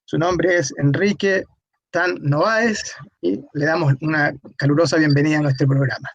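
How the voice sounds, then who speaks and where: A man hosting an interview program, introducing and questioning formally and deliberately, on dull lo-fi audio. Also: on the high side, fairly even intonation, dry recording.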